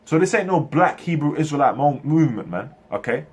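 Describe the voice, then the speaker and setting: A man from Turkey, raised in England, preaching a monologue in halting bursts and tagging nearly every phrase with "man" or "okay". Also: on the high side, lively intonation, breathy edge. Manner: halting, frequent restarts. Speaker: religious speaker.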